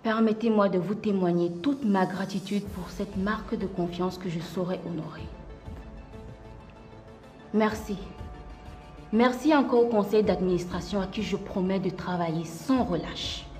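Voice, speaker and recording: A woman playing a new company boss who speaks in a formal, measured way, in comic soap-opera acting. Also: medium pitch, darkish tone, soft background music, close to an everyday voice. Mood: composed.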